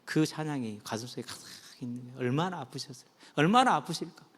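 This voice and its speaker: Animated male preacher in a reverberant church. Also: quick pace, husky. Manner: animated preaching, swinging from soft and low to loud and high. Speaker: pastor. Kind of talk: sermon. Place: church sanctuary. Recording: long hall reverb.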